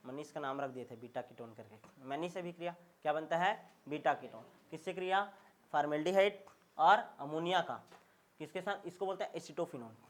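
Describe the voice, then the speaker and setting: Man, chemistry teacher, classroom lecture, emphatic, repeats every question, fairly high voice. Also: a little fast. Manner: call-and-response drilling, repeats questions and answers; emphatic, checks understanding often.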